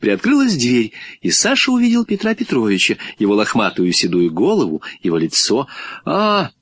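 A man narrating a children's storybook in a lively, expressive reading voice. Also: fairly quick, breathy edge, no echo. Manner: expressive, with wide swings in pitch. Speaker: audiobook narrator.

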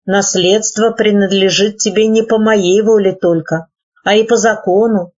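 A woman reading the lines of a sick old rich uncle, firm and gruff, in a dull lo-fi recording. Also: mid-range voice, fairly even intonation, normal speed, darkish tone, lightly acted.

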